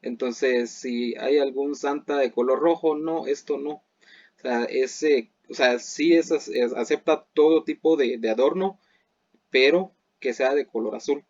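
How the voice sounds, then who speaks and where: A man's voice: mid-range voice, a little slow, a little mellow, no room sound. Student guy asking a question, lots of ehs, dry dull mic. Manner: hesitant, many fillers and restarts.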